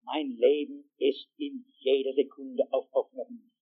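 A man's voice: medium pitch, flat delivery, measured pace, husky. A man preaching a sermon as dramatic storytelling, repeating phrases for effect, on a dull lo-fi recording.

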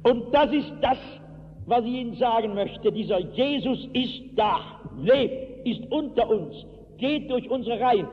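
High-voiced emphatic male preacher in a hall. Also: animated, a little slow, a little hiss or hum. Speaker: pastor. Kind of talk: sermon. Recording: echoey hall, tinny lo-fi line.

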